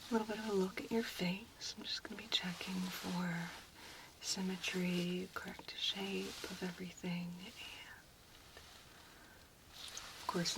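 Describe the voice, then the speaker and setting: A woman playing a gentle, reassuring doctor in a soft, unhurried whispered role-play. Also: lowish voice, gravelly, noisy background. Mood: calm, attentive.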